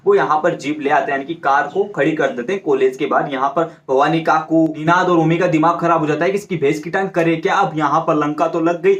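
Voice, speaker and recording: A man casually retelling a TV serial episode in a chatty, animated way, acting out the characters' lines. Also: fairly high pitch, a little fast, hardly any pauses. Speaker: TV serial recap narrator. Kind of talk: casual storytelling recap.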